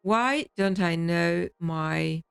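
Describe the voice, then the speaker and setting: A woman's voice: on the low side, drawn-out words, vocal fry, clean tone, dry recording. A woman commenting casually while she plays a video game, with wry, sighing asides. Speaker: gaming channel host. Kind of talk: casual let's-play commentary.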